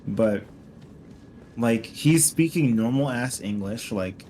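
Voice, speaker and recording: A man's voice: mid-range voice, animated, slow pace, warm tone, a little hiss or hum, rough recording. A man streaming a co-op game, chatting casually and telling a rambling story full of "like" and "um". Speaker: streamer playing co-op. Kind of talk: casual gaming chat.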